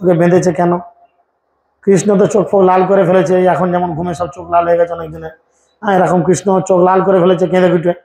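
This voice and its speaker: High-voiced male preacher, echoey hall. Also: level tone, vocal fry, warm tone. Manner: slows into sung recitation of verses; acts out voices of figures in stories. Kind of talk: devotional sermon with storytelling and chanted verse.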